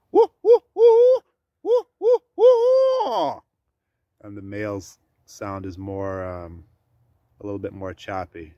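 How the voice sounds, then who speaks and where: A man's voice: deep voice, a little mellow, dry recording. A man vlogging from his farm, talking casually and rambling with many ums and uhs. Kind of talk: casual chat to camera.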